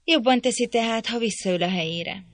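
A woman's voice: on the high side, dry recording, voice pushed up, lightly acted. A woman voicing a bold, defiant young woman in an audiobook reading.

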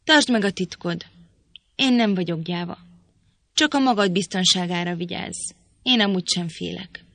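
A woman's voice: lowish voice, fairly bright tone, no room sound. A woman reading the part of a proud, impatient young woman who scolds irritably in an audiobook. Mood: stern.

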